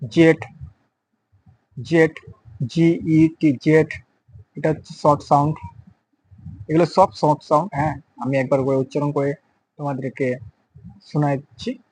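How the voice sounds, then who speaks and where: A man teaching beginners their phonics at a very slow, patient pace. His voice sits a little high, and he repeats each word and spells it out letter by letter so students can follow. The sound is dry and close, with no room echo. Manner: addresses students directly, asks them to pronounce aloud. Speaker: English teacher.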